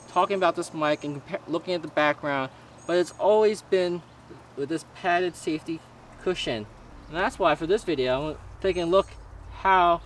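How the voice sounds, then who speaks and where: A man giving a casual product review in a halting, informal way, stumbling over words now and then. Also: a little high, fairly bright tone. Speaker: gear reviewer. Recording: noisy raw camera-mic audio with ambience.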